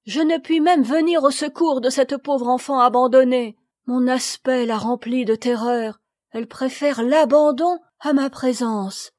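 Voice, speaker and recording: A woman reading a gentle, sorrowful bear-boy. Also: fairly high pitch, unhurried, dry recording, clean studio sound. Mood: despairing. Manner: soft and sorrowful. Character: gentle sad boy shunned for looking like a bear.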